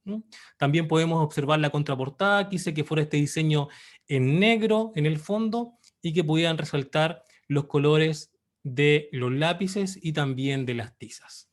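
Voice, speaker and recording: A Chilean man in his thirties presents his book online, his voice slightly raised in pitch. He speaks formally and with measured care, pausing and hesitating between phrases in his Chilean Spanish accent.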